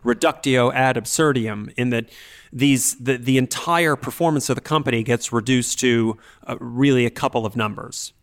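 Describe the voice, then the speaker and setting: A man with a medium-pitched voice hosts a podcast as an expert, explaining topics in an articulate, analytical and measured manner.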